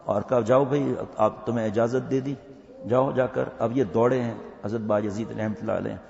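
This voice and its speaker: A man's voice: medium pitch, steady tone, creaky, darkish tone. A man giving a storytelling sermon as a religious scholar, voicing each person in the tale in turn. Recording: dull, echoey hall sound.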